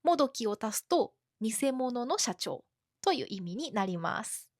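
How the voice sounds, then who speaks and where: A woman teaches a podcast language lesson, explaining slowly and deliberately with example after example. Her voice sits a little high, and her pace is unhurried. The sound is dry and close, with no room around it. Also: sing-song, no room sound. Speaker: Japanese teacher.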